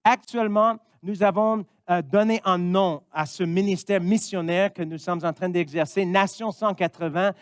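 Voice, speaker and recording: Guy in his 50s preaching, earnest, keeps saying amen, pretty high voice. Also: fairly even intonation, moderate pace, few pauses, clean tone, no echo. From Missouri, United States. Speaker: pastor. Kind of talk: sermon.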